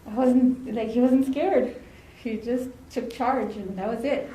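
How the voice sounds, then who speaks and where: A woman's voice: a little high, fairly even intonation, a little slow, background noise. A woman telling stories at a eulogy, chatty and dropping Spanish phrases into her English. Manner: chatty, laughing through anecdotes, drops in Spanish phrases. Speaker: former ambulance partner giving a eulogy. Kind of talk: storytelling eulogy. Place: funeral home chapel. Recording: echoey chapel with faint ambience.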